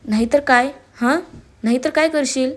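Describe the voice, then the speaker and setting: A proud young wife in an audio story who answers back with cutting defiance, as a woman narrator voices her. Her voice sits somewhat high. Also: moderate pace, close to an everyday voice. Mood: defiant. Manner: angry, cutting.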